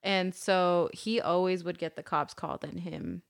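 A woman's voice: fairly low pitch, steady tone, normal speed, gravelly, clear, resonant tone. A woman co-hosting a casual podcast, telling stories with lots of swearing and frequent laughter. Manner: profane, storytelling, laughs often. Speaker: podcast co-host.

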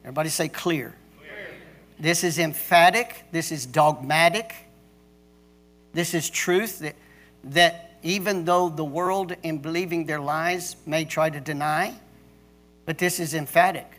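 A middle-aged man preaching a sermon as pastor, emphatic, with pauses and restarts. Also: fairly high pitch, steady tone, fairly bright tone.

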